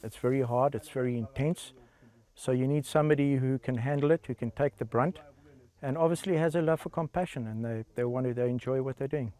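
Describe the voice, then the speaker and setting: A man's voice: medium pitch, a little fast, mellow. A man giving plain-spoken interview answers as an anti-poaching trainer.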